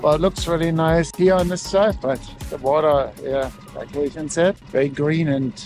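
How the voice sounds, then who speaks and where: A man's voice: on the high side, normal speed, music in the background. A man in his thirties narrating a casual fishing vlog outdoors by a lake, chatty and a little unsure of himself, recorded on a handheld action camera. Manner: relaxed, chatty, unsure asides. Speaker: fishing vlogger. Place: outdoors by a lake and in a camper van.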